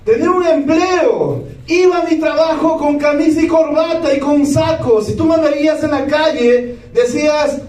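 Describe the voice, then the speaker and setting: High-pitched guy in his 30s hyping up a crowd, far off the mic, big echoey hall. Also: normal speed, hardly any pauses, a little mellow, a little hiss or hum. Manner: keeps asking the crowd yes or no. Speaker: motivational speaker. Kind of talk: lively stage talk to an audience. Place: large hall with a live audience.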